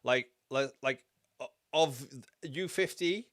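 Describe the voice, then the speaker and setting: A man from the Welsh Valleys hosts a casual live stream. His voice is clear and smooth, recorded dry and close, and he talks in a loose, chatty, sweary style with a Valleys accent. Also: medium pitch, takes it slowly, a bit bright, dry recording. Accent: South Wales Valleys. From Wales. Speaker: livestream host. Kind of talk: casual live stream chat, reacting to news.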